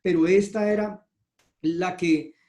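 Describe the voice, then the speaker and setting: A man's voice: high voice, fairly even intonation, slow pace, mellow. A man voicing a dying old king who laments his own blindness, told within a sermon. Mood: regretful. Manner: lamenting, self-reproaching.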